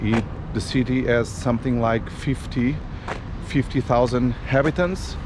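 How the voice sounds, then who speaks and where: A man's voice: medium pitch, fairly even intonation. Man vlogging on city streets. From Portugal. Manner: unhurried, many fillers and restarts. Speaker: travel vlogger. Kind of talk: casual walking tour vlog. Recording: street noise in background.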